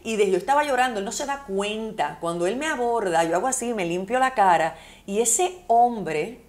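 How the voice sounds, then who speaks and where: A woman's voice: medium pitch, lively intonation, moderate pace, a little mellow. A woman author with a Puerto Rican accent, telling heartfelt personal stories in a conversational interview. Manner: vivid, heartfelt personal storytelling.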